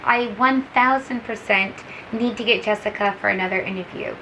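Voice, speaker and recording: A woman's voice: mid-range voice, moderate pace, bright, forceful tone, a little hiss or hum. A woman hosting a podcast in a chatty, slangy way, heard on a poor-quality audio recording. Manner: chatty, slangy, says "dude" a lot. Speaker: podcast host. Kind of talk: casual podcast chat.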